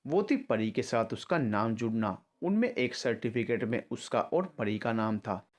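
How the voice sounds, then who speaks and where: A man's voice: mid-range voice, moderate pace. Male storyteller narrating a love story. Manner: steady, dramatic storytelling. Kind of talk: scripted narration.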